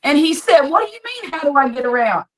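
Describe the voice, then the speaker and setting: A woman's voice: high-pitched, expressive, fast. A woman, hosting a casual chat and telling stories chattily. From US Gulf Coast. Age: 50s. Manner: chatty storyteller, acts out quoted voices. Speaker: host.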